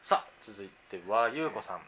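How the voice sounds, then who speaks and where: A man's voice: fairly low pitch, animated, normal speed, bright, forceful tone. A man hosting a podcast who reads listener letters aloud and reacts with laughs and short agreements. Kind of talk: casual chat and letter reading.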